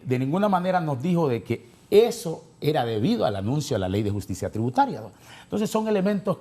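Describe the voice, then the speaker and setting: Guy arguing on a panel, husky voice, jumps up and down a lot, keeps repeating himself. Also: mid-range voice, warm tone. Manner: insistent, argumentative, repeats himself. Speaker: panel guest. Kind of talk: heated panel debate.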